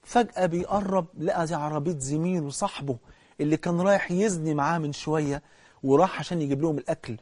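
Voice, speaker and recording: A man with an Egyptian accent preaching an impassioned sermon, swinging from loud to hushed and chanting scripture slowly. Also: fairly high pitch, dry recording. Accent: Egyptian Arabic.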